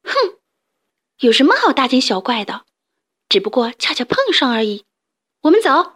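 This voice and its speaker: A woman's voice: sits high, lively intonation, moderate pace, a bit bright, husky, dry recording, full character voice. A woman voicing jealous hens in a storybook, sneering and scornful. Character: jealous gossiping hens in the coop.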